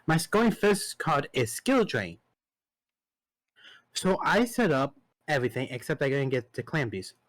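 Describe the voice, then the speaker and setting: A man of ordinary pitch hosts a podcast, recounting events in a loose, animated way. He acts out both sides of conversations and swears casually. His voice sounds dry, with no room echo. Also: unhurried, pauses often. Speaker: podcast host. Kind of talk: casual storytelling.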